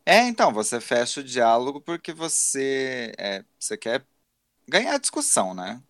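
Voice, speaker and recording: Co-hosting a laid-back podcast, this Brazilian man in his thirties speaks with a medium, slightly bright voice that swings widely in pitch, at a moderate pace. Thoughtful and self-critical, he keeps restarting his sentences, and his Brazilian Portuguese accent is clear in the dry studio recording.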